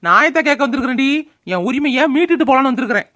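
Brief: cartoon drunkard son, loud and quarrelsome, high for a man, a woman plays him. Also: lively intonation, racing. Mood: taunting. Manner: bellowing, taunting. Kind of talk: cartoon voice acting.

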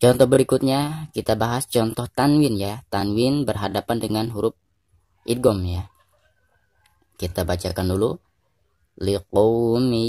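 An Indonesian man teaching Quran recitation rules, explaining patiently and repeating each point, then slowing down to chant drawn-out examples. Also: on the low side, a little mellow, no echo, studio quality. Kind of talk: tajwid lesson with recited examples.

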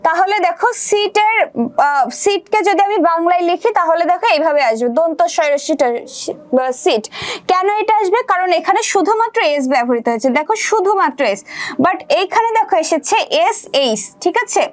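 High-voiced woman teaching. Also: lively intonation, moderate pace. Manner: explains step by step, keeps checking students follow. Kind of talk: online exam-prep lesson.

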